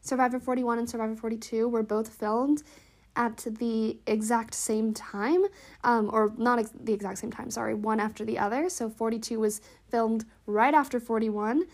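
A woman with a fairly high voice talks casually as a solo podcast host. She sounds congested in the nose and a little wheezy. Her delivery is chatty, informal and upbeat. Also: fairly even intonation, moderate pace. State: stuffy nose, slightly wheezy.

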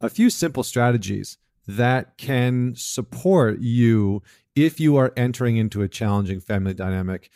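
Speaking at a normal speed, this man has a warm, mid-range voice with lively intonation, recorded dry and studio-clean. A men's coach hosting his own solo podcast, he talks casually and earnestly in a reflective mood, with fillers and restarts, and includes a read passage.

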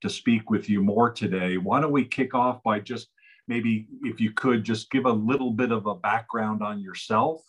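A man hosting a podcast, with a very deep voice that has a husky edge. He introduces his guest with lavish praise and small stumbles. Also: moderate pace. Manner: warm, effusive introductions with stumbles. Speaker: podcast host. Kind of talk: interview hosting.

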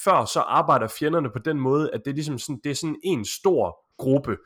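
Male co-host, measured explainer, mid-range voice, casual delivery. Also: medium pitch, fairly bright tone. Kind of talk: casual gaming chat.

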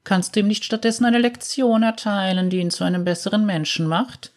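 A man voicing a gentle, wise older aunt in a storybook reading, soft and high. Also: fairly even intonation, fairly quick.

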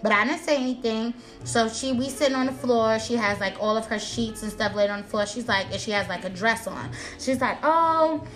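A young woman tells a story in an animated, chatty way. Her bright, sharp voice sits a little high. She jumps into other people's voices as she goes. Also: fairly quick, few pauses, faint music behind, rough recording. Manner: animated, acts out quotes with big pitch jumps, laughs through lines. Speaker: nail technician telling a story. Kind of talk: casual storytelling chat.

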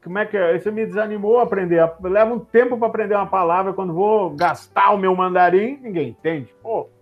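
A middle-aged man, a former airline pilot telling stories in a relaxed interview, using many tag questions. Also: high voice, fairly quick, phone-quality sound. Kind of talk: casual interview chat.

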